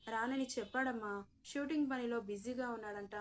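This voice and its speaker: A gentle middle-aged mother, voiced by a woman, consoles her daughter in soothing tones. The voice is a bit high. There is a light hiss behind it. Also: fairly quick, natural voice.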